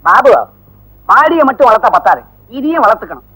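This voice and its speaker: Shrill, blustering schoolteacher. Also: male voice, very animated, brisk, soft background music, heavily acted, low-quality recording. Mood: scolding. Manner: shouting, mixes English and Hindi, comic bluster. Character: blustering, pompous male Hindi teacher. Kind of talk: 1980s film acting.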